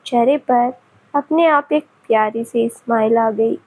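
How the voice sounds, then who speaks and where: A woman narrating a romance story in a gentle, emotive reading. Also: on the high side, measured pace, low-quality recording.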